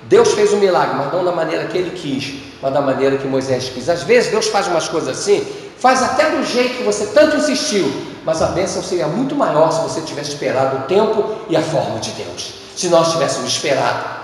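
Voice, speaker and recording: A man with a Brazilian Portuguese accent preaching a sermon as pastor, retelling scripture stories and acting out the dialogue, swinging between loud bursts and low tones. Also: very animated, fairly quick, a little hiss or hum. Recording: echoey church hall.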